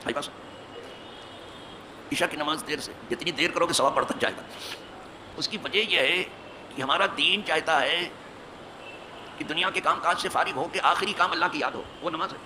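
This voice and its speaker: A man's voice: fairly high pitch, long pauses, background noise. A man, an imam giving a hadith sermon from the pulpit of a mosque, emphatic and full of rhetorical questions. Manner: emphatic, rhetorical questions, rising to forceful peaks.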